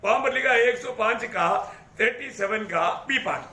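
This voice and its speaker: A man preaching a sermon to a congregation, animated, calling out and rising to shouts. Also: very high-pitched, normal speed. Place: church hall with congregation. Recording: echoey hall.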